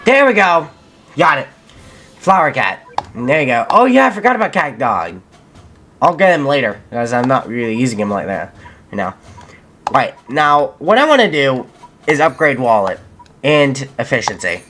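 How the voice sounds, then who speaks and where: A man's voice: medium pitch, big pitch swings, moderate pace, long pauses, a bit bright, slight background noise. Young guy talking thru a game he's playing, rambly, keeps fixing what he just said, voice jumps up and down a lot. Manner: rambling, thinks aloud, corrects himself mid-sentence. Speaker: gaming channel host. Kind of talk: casual gameplay commentary. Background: faint game music.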